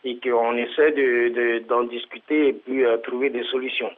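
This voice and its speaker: A man's voice: medium pitch, little pitch movement, normal speed. Hesitant man calling in by phone. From Côte d'Ivoire. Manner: hesitant, many fillers. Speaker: caller. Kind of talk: phone call to a live TV show. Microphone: telephone. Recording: tinny phone line.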